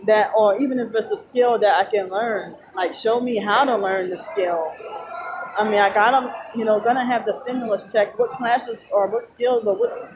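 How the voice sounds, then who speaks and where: A tired, sleep-deprived woman rambles haltingly in a personal vlog, sounding like she is working to stay awake. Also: mid-range voice, fairly even intonation. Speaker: vlogger. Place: loud indoor shopping mall. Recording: noisy mall ambience behind voice. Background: loud talking and mall noise.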